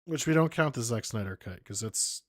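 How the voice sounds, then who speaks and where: A man's voice: medium pitch, lively intonation, normal speed, background noise. A man co-hosting a casual film podcast, opinionated, often hedging with "like". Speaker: podcast co-host. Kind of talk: casual chat.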